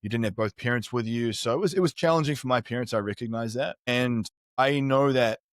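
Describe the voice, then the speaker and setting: Clean studio sound with no room noise captures this middle-aged man's medium-pitched, fairly quick voice. A performance strategist from New Zealand, he's the guest on a candid podcast interview, recounting his life story earnestly and reflectively.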